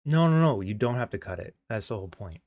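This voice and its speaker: A man's voice: lowish voice, animated, fast talker, darkish tone, no echo. Giggly man co-hosting a casual podcast. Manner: giggly, sheepish, trailing off. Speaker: podcast co-host. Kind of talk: casual chat.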